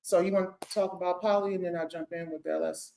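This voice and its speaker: A woman's voice: on the low side, steady tone, gravelly, dark tone. Playful woman hosting a podcast. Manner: playful, loose, slows to introduce topics. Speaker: podcast host. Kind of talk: casual chat.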